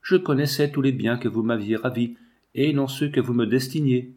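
An older father in exile speaks gravely, his firmness giving way to emotion, as a male reader voices him. His lines are low and weighty, as in a storybook recording. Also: moderate pace, darkish tone, natural voice. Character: older exiled father, proud yet deeply moved.

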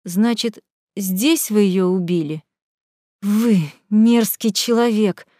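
A woman reading an audiobook, voicing a frightened but defiant young woman held prisoner, with sharp, indignant speech. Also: slow, no echo, clean studio sound, close to an everyday voice. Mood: frightened anger. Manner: sharp, indignant, higher-pitched.

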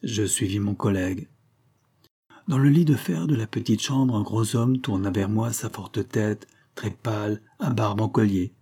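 A man narrating a story in a measured, literary way as an audiobook reader. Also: lowish voice, warm tone, husky.

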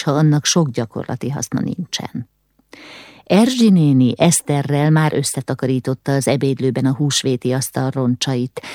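Low-voiced woman reading a novel. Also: no echo, studio quality. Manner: measured, steady storytelling. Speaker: audiobook narrator. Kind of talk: scripted audiobook narration.

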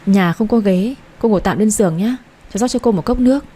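A woman's voice: medium pitch, fast, warm tone, breathy edge, close to an everyday voice. A woman voicing a timid young heroine who speaks politely and pleads anxiously. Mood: pleading.

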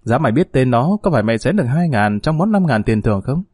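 A man voicing a grim, vengeful young man who talks low, terse and controlled. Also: sing-song, fast, a little mellow, husky, dry recording, studio quality.

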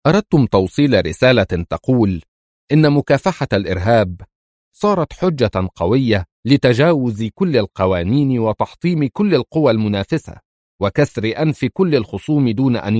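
A man's voice: lowish voice, very animated, fast talker, a little mellow, dry recording, studio quality. A man reading as a stern, sarcastic man who scorns a powerful official. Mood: scornful.

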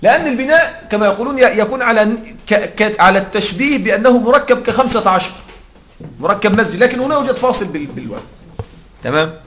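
Bright-voiced, high-pitched male grammar teacher. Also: expressive, a little hiss or hum. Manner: explanatory, checks in with listeners often; reads the quoted text slowly and deliberately. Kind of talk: classroom grammar lecture.

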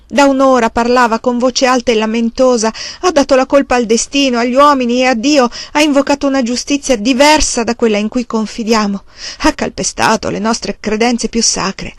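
A woman reading a novel aloud in a measured, dramatic way. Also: on the high side, dry recording, studio quality. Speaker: audiobook reader. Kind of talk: literary narration.

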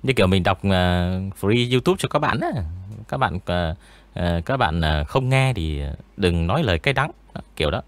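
A man's voice: deep voice, moderate pace, no echo. A man who narrates ghost stories, chatting casually in an interview with many fillers. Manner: relaxed, rambling, many fillers.

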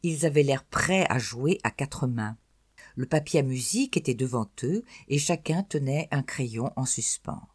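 An audiobook narrator reading a novel in a measured, expressive storytelling voice. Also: mid-range voice, slightly rough. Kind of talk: scripted literary narration.

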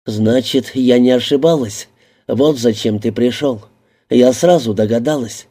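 A man voicing a defiant, frightened young woman in an audiobook reading, with sharp, indignant retorts. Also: medium pitch, unhurried, lightly acted.

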